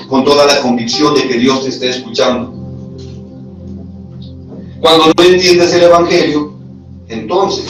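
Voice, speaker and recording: A man preaching a sermon as pastor, in a conversational way full of rhetorical questions. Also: medium pitch. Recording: echoey hall, voice from far off, music behind.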